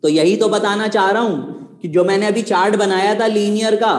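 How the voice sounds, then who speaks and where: A man's voice: high voice, fairly even intonation, brisk. A man teaching a physics class online, patiently repeating key points and asking his students rhetorical questions. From Pakistan. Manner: addresses students affectionately as children. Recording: echoey room.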